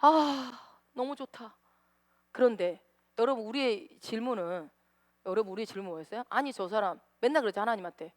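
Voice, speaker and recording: A woman's voice: fairly high pitch, lively intonation, brisk, no echo, studio quality. A woman pastor preaching a sermon in a church, acting out prayers and asking the congregation questions. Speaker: senior pastor.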